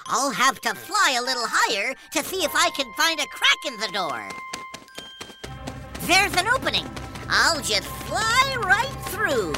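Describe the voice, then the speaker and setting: An actor voicing a tiny, hapless, excitable male cartoon duck with a squeaky miniature voice, narrating his own troubles dramatically. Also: measured pace, exaggerated voice. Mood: excited. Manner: dramatic, exclaiming self-narration. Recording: loud music behind. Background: loud cartoon score.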